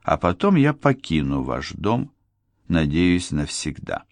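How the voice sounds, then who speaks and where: A man reading an audiobook voices a proud young woman painter with cold, cutting replies, a bit higher than his own low, gravelly voice. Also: very animated, slow, no room sound, heavily acted. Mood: dry. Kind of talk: audiobook character voice.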